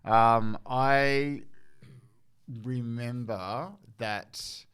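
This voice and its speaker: A man's voice: medium pitch, drawn-out words, smooth. A man co-hosting a casual nostalgic chat, rambling and full of fillers, recorded in a library. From Tasmania, Australia. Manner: warm-hearted, rambling with fillers and restarts. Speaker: podcast co-host. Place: public library.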